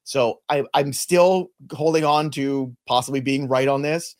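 A man's voice: mid-range voice, a little slow. A man co-hosting a fantasy baseball podcast, talking in a conversational, analytical and joking way. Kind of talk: casual chat.

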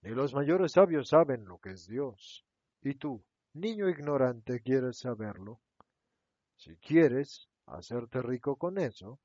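A man's voice: medium pitch, very animated, slow, mellow, dry recording. A man voicing a proud, greedy man who talks in a sneering, mocking tone. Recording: dull, dry lo-fi recording.

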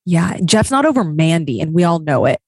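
A woman's voice: deep voice, very animated, a little fast, no echo, clean studio sound. A woman co-hosting a podcast, teasing her friend in a wry, casual way. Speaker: podcast co-host. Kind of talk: casual chat.

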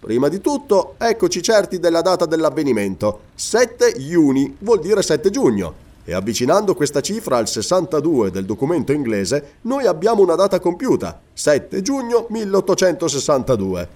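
A man's voice: fairly high pitch, sing-song, normal speed, hardly any pauses, a little mellow, voice pushed up. A man voicing an earnest, knowledgeable sea captain, explaining carefully in a read-aloud novel.

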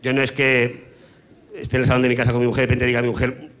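A man from Spain doing a crude stand-up comedy monologue on stage, with brash punchlines and sudden shouted sound effects. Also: mid-range voice, monotone, racing.

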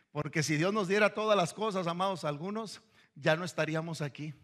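A male pastor delivers a fervent sermon. His voice sits high and rings bright and forceful. He weaves in anecdotes and laughs now and then. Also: normal speed.

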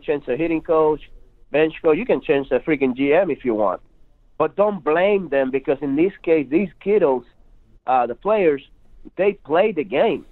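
Excitable, needling male sports talk co-host; high voice over a tinny, dry line. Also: no room sound. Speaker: podcast co-host. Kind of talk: sports talk show banter.

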